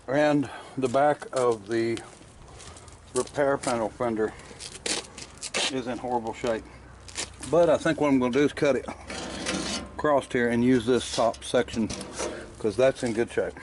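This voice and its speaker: A man's voice: mid-range voice, measured pace, pauses often, background noise. A man talking casually about restoration work in his workshop, rambling with lots of fillers while chewing candy. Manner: rambling, plainspoken, many fillers. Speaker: car restorer showing his shop work. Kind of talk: casual shop vlog narration. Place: workshop garage.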